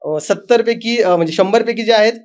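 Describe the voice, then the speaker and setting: A man's voice: sits high, a little fast, highs cut off. A man, a family vlogger, telling his story earnestly in a casual interview.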